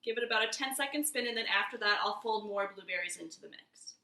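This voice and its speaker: Bright-voiced young woman in echoey kitchen. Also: medium pitch, fast. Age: 20s. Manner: chatty, easygoing, talks viewers through each step. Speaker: cooking vlogger. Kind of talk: casual cooking demonstration. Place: home kitchen. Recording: roomy kitchen echo.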